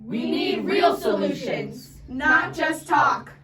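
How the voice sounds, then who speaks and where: A group of young women recites poetry in unison with high, projected voices. The delivery is slow, dramatic and emphatic. They sound distant in an echoing space full of voices. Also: female voice, expressive. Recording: echoey, distant mic, loud crowd of voices.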